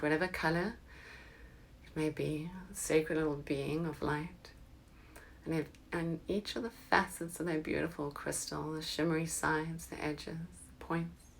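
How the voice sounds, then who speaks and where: A woman leading a guided meditation, speaking slowly and soothingly and often dropping into soft whispers. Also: low voice, creaky, slight background noise.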